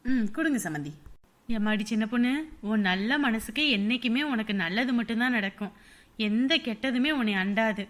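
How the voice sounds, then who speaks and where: A woman's voice: on the high side, moderate pace, close to an everyday voice. A woman playing a middle-aged mother-in-law who reassures and gives orders in a family drama. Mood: reassuring. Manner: reassuring and commanding.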